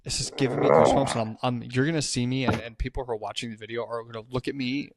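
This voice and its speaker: A man's voice: medium pitch, fairly even intonation, very fast, creaky, heavy background noise. A man co-hosting a casual podcast, animatedly retelling a horror movie scene by scene, swearing often and acting out the characters' lines. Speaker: podcast co-host recapping a movie. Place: his house.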